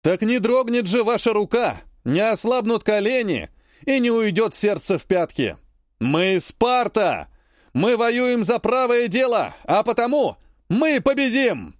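A man's voice: high-pitched, animated, takes it slowly, no echo, clean studio sound. A man voicing a male lord giving a rousing, declamatory battle speech to his troops in an audiobook.

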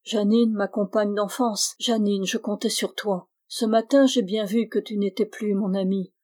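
A woman's voice: medium pitch, steady tone, unhurried, a little mellow, natural voice. A woman reading the part of a feverish, frightened young noblewoman who talks in an anxious, pleading way.

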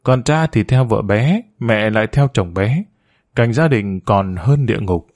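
A man narrating a family drama storybook in a steady, measured reading. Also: on the low side, no echo, studio quality.

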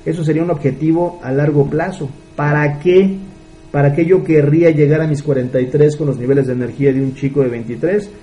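This business mentor, a man in his thirties with a Mexican Spanish accent, speaks fairly quickly in a steady, warm, slightly high voice. He earnestly motivates his audience on business, posing rhetorical questions, over a rough recording with slight background noise.

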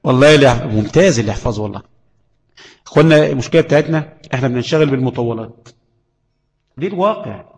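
A man's voice: medium pitch, animated, rapid-fire, pauses often, darkish tone, big-room sound, low-quality recording. A man with an Egyptian accent teaching tajweed, explaining letters and checking understanding with rhetorical questions. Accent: Egyptian Arabic. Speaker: Quran recitation teacher. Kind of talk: tajweed lesson.

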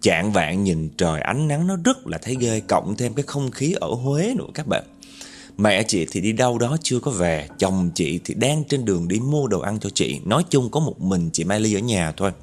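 A man's voice: lowish voice, very animated, normal speed. A man telling a horror story, chatting directly to his listeners.

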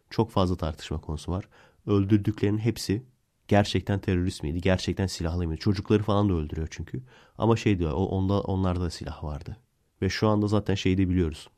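A man's voice: low voice, dark tone. A man hosting a podcast, casually retelling a film plot in a rambling way and correcting himself as he goes. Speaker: podcast host.

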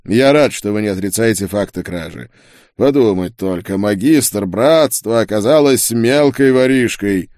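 A man's voice: fairly low pitch, measured pace, a little mellow, no room sound, clean studio sound, close to an everyday voice. A man reading an audiobook, voicing an arrogant duke and sorcerer who speaks in a cold, sneering and weighty way. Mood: cold arrogance. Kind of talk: audiobook character voice.

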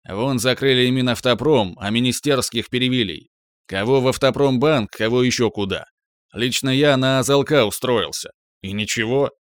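A man's voice: medium pitch, moderate pace, clean tone, dry recording, close to an everyday voice. A man playing a pushy, thick-faced fellow in an audiobook, arguing with easy confidence in an ordinary voice. Close, dry sound. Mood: insistent.

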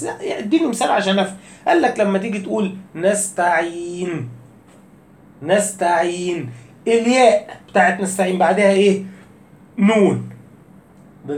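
Casting: Egyptian Arabic-accented male recitation teacher, high voice, echoey room, chatty rhetorical questions. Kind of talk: casual spoken lesson.

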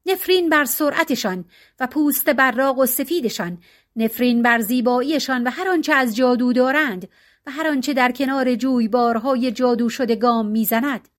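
A woman's voice: sits high, lightly acted. A woman voicing a stern male priest who curses all things magical in a raised, intoning voice, in an audiobook reading. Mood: solemn denunciation.

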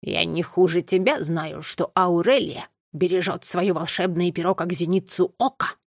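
A woman voicing a gossipy, know-it-all male blackbird in an audiobook, in a low, drawling voice. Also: moderate pace, no room sound, clean studio sound. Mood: needling. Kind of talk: audiobook character voice.

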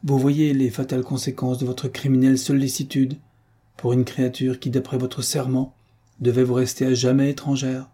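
A man voicing an unctuous, scheming older priest in an audiobook, stern and smooth-talking. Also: mid-range voice, monotone, normal speed, dark tone, lightly acted.

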